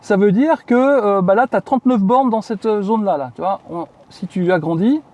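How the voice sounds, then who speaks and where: A chatty man explains things to a colleague in an easygoing, filler-heavy way. His voice sits high for a man. He is recorded outdoors beside a car. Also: normal speed, a little mellow, muffled recording. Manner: chatty, many fillers, asks viewers questions. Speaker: channel host explaining electric cars. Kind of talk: casual explanatory chat.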